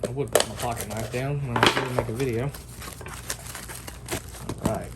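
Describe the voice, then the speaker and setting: Heavy background noise fills this homemade vlog, where a man unboxes and compares products in an off-the-cuff, folksy way. He speaks at normal speed in a mid-range voice with a steady tone, chatting informally with viewers as a reviewer would.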